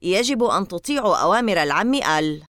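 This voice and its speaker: A woman voicing a mysterious boy at summer camp who gives calm, grave warnings. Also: medium pitch, quick pace, no room sound, studio quality, close to an everyday voice. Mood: stern.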